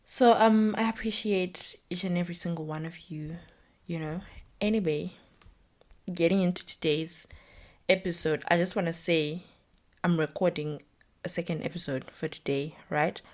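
A young woman talks alone into the mic for her podcast, chatty and candid, with fillers and asides along the way. Her voice sits a little low for a woman. She keeps it relaxed and personal. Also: normal speed. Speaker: podcast host. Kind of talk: casual solo podcast monologue.

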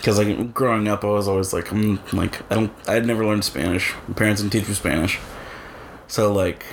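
A young man with a Californian accent, chatting casually on a podcast in halting, slangy, sweary SoCal talk. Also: on the low side, fairly even intonation. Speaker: podcast co-host. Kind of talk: casual chat. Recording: faint background noise.

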